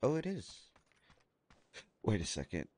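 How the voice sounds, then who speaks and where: A man streaming a shooter game live, thinking aloud as he loots, excitable, with his voice jumping up high at times. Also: unhurried. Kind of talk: live gameplay commentary.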